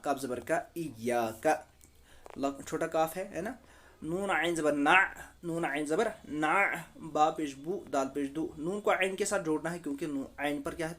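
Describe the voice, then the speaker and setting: A man with a fairly high voice teaches Quran recitation with tajweed. He spells out each letter and vowel mark slowly. Then he explains the rule and answers his own questions.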